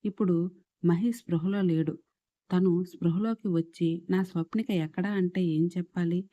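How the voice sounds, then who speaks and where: A woman's voice: on the low side, steady tone, moderate pace, mellow, no room sound, highs cut off, lightly acted. A woman voicing a sorrowful male doctor, tender and mournful, in a storybook reading.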